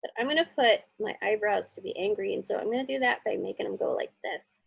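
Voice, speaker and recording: A woman teacher casually walks children through a drawing step by step, thinking aloud and checking in often with little questions. Her mid-range voice is creaky and slightly rough, and she talks fast. The recording is rough, with no echo.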